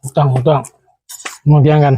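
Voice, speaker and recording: Isan Thai woman, slightly deep voice, rapid informal family chatter. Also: little pitch movement, mellow, a little hiss or hum. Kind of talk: casual family chat.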